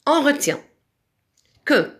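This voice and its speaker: A woman with a Moroccan accent teaching a French spelling lesson to young children, speaking slowly and patiently and drawing out each example word. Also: high-pitched, sing-song, fairly bright tone. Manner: slow, patient, sing-song, stretches out example words. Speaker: primary school French teacher.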